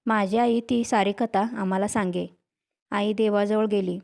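A woman reading a novel aloud in a steady, measured way. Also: medium pitch, gravelly. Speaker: reader.

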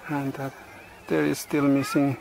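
A middle-aged man, not a native English speaker, vlogging outdoors on a tropical farm. His English is halting, with many pauses and uh's, and the camera is held at arm's length. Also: mid-range voice, completely flat delivery, gravelly, noisy background. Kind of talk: casual vlog narration. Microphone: handheld camera selfie and tripod camera.

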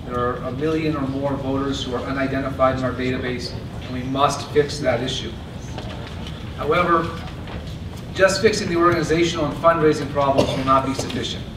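A man giving a steady, earnest convention stump speech at a podium microphone. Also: medium pitch, a little fast. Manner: earnest, steady delivery with occasional restarts. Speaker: party chair candidate. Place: large convention hall, indoors. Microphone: podium mic on stand. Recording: echoey hall from a far camera with noise.

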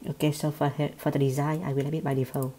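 A software tutorial presenter with a Vietnamese accent walks viewers through a screen-recorded lesson in English. She has a low, soft, mellow voice and a level tone. Her delivery is halting, with frequent repeated words and restarted sentences.

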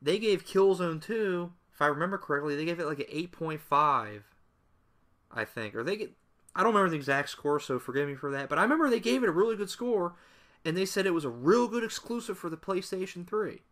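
A man's voice: sits high, expressive, fairly quick, fairly bright tone. A young man ranting casually to camera in a sarcastic, rambling way, full of asides. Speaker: gaming video creator. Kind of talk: casual opinion rant to camera.

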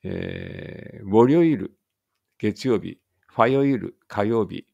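A man with a low, gravelly voice works through a vocabulary list at a very slow, unhurried pace. He reads each word and follows it with its meaning, stumbling over a few sounds. A faint Ibaraki lilt colours his plain, self-practice reading. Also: mellow, dull audio. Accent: Ibaraki Japanese. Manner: reads each word then its meaning, with small slips and asides. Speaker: language learner reading vocabulary aloud.

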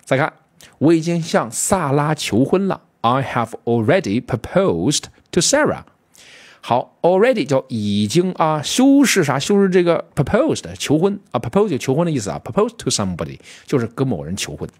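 A man teaching English in a casual spoken lesson, talking straight to his students and slowing down to repeat English words. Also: a little high. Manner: lively, addresses students directly, slows to repeat English words.

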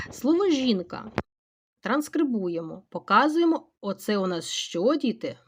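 A middle-aged woman with a Ukrainian accent, a teacher slowly explaining a grammar lesson to schoolchildren step by step and addressing them directly. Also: medium pitch, slightly rough.

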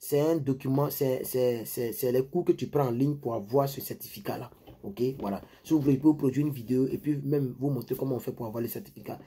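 Husky man giving life advice. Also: medium pitch, fast talker, dark tone. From Ivory Coast. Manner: rambling, repeats himself, addresses viewers directly. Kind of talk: casual advice monologue.

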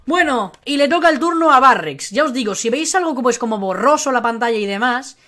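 A woman's voice: on the high side, brisk. A woman with a Spain Spanish accent giving chatty live commentary as a game streamer. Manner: chatty, bursts into excited shouting. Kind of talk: live video game pack-opening commentary.

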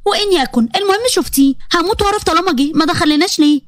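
A woman voicing a chatty, cheerful young female student with an Egyptian accent, friendly and excitable. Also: very high-pitched, very fast, dry recording, studio quality. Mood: eager.

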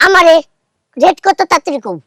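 A woman's voice: very high-pitched, animated, fairly bright tone, no echo. A woman acting a brash young man who wheedles and presses impatiently, in a comedy play. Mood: pushy. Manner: wheedling, impatient, drawn-out "aha".

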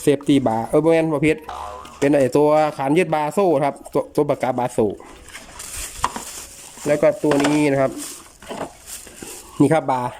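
A man's voice: fairly high pitch, steady tone, normal speed, long pauses, dark tone, a little hiss or hum. A man with an Isan accent, a chainsaw repairman unboxing and reviewing a saw in a chatty, joking way, talking to his viewers as brothers and sisters. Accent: Isan (Northeastern Thai). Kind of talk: casual product unboxing review.

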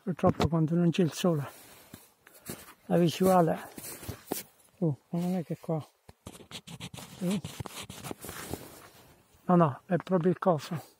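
A man's voice: high voice, steady tone, takes it slowly, long pauses, darkish tone, slight background noise. A man guiding viewers along a path outdoors, explaining each step as he walks, in light rain on snowy ground. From Italy. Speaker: hiking guide. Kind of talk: walking vlog narration.

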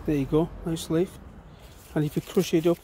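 Here a forager, a middle-aged man, talks casually outdoors among the trees, showing things as he digs while someone films on a handheld phone. His voice sits a little high, with a steady, warm tone at normal speed, and some faint background noise.

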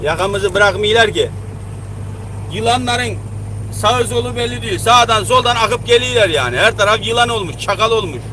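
Heated man in his thirties, truck driver, high-pitched voice, vlogging by a loud road. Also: fairly quick. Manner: heated, indignant, swearing, acts out both sides of a quarrel. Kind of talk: angry casual storytelling vlog. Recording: noisy roadside traffic. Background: vehicles and outdoor traffic.

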